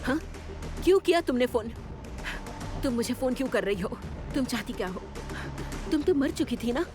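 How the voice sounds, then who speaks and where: A frightened married woman stammers and repeats herself, played by an actress. Her voice sits high. A loud dramatic score plays under her lines in a TV serial. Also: animated, normal speed, over music, close to an everyday voice. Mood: panicked. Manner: stammering, repeating words in panic. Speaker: elder sister-in-law in a TV serial. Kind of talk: Hindi TV serial acting. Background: dramatic background score.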